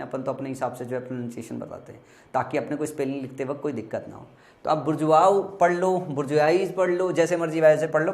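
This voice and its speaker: A man whose first language is Hindi, teaching exam vocabulary, explaining slowly, repeating words and spelling them letter by letter. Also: medium pitch, a little mellow, roomy sound.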